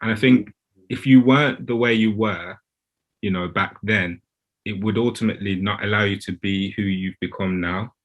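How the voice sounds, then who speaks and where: A man's voice: lowish voice, steady tone, moderate pace. A man hosting a podcast, speaking encouragingly and checking in with "do you know what I mean". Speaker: podcast host. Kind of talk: podcast conversation.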